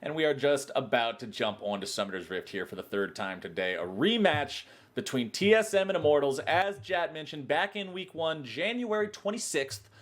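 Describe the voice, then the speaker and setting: A man's voice: on the high side, animated, moderate pace, few pauses. A man doing live esports play-by-play commentary with casual banter, in a jokey, colloquial showman's manner.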